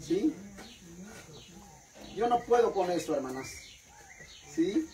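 Speaking slowly in a high, mellow and very animated voice, this vlogger rants to his followers while eating on camera. The low-quality recording captures his theatrical, profane, mock-indignant style and his habit of calling viewers "sisters."

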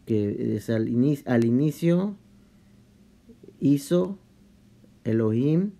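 A man explaining a Bible study in a casual vlog, talking halting and conversational with many restarts and English slang mixed in. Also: mid-range voice, expressive, creaky, warm tone. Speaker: vlogger.

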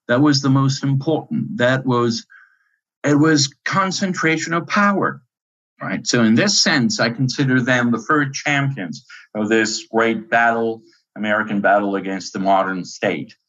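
A man with an Italian accent, a professor guest answering at length in animated, lecturing speech with frequent fillers and restarts. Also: mid-range voice, dull audio. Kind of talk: interview answers.

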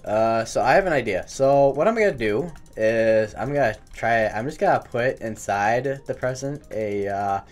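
A man's voice: mid-range voice, expressive, moderate pace, hardly any pauses. A man giving casual, rambling gaming commentary while he builds, stumbling over his words and cursing mildly at his own mistakes. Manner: self-mocking, chatty. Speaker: gaming channel host. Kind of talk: live Minecraft building commentary.

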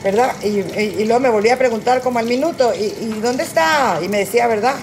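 A middle-aged woman with a Mexican Spanish accent who is tipsy and high, rambling and cracking crude jokes on a cooking livestream from her home kitchen. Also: fairly even intonation, rapid-fire, darkish tone, a little hiss or hum. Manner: crude, joking, rambling storyteller. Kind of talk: casual livestream chat while cooking.

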